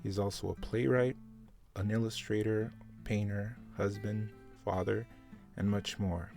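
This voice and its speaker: A male podcast host reads a scripted introduction in a measured way. His low voice is gravelly and full of fry. Soft plucked guitar plays faintly behind him. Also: flat delivery. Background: faint guitar music.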